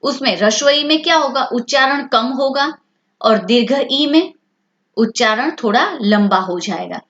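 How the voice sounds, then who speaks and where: A woman teacher with a fairly high voice who talks slowly and patiently. She asks her pupils a question and then answers it herself. The sound is dull and lo-fi. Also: animated, a bit bright. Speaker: language teacher. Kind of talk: explaining a language lesson to children.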